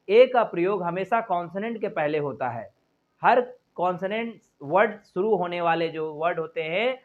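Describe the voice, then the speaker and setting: A man teaching English grammar in Hindi at a board, earnest and repetitive, often calling the viewer "my friend" and spelling words out letter by letter. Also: sits high. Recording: dull lo-fi recording.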